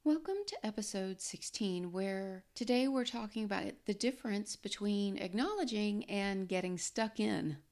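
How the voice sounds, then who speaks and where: A woman's voice: mid-range voice, normal speed, hardly any pauses, darkish tone. A middle-aged woman hosting a solo podcast, speaking in an earnest, coaching tone. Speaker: podcast host.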